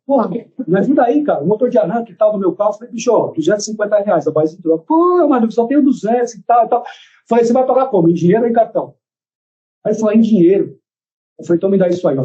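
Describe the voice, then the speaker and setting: A man with a Brazilian Portuguese accent giving courtroom testimony as a defendant, telling his story in an animated way and acting out the dialogue. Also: high-pitched, highs cut off.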